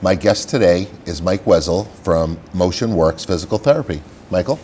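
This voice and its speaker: Low-voiced man hosting a local show. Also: moderate pace, darkish tone, a little hiss or hum. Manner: friendly, scripted welcome then chatty questions. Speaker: host of a local business show. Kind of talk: local cable interview.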